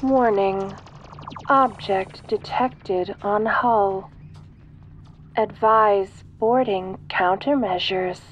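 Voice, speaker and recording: A woman with a medium-pitched voice speaks extremely slowly over lo-fi audio carrying a slight hiss or hum. She voices an impassive spaceship computer in a sci-fi audio roleplay, delivering formal, clipped announcements. The procedural, alarm-giving machine sounds impassive and warning.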